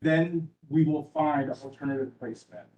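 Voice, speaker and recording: A man answering questions at a community meeting, halting with many fillers. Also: on the high side, steady tone, roomy sound, far from the mic, highs cut off. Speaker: shelter services representative.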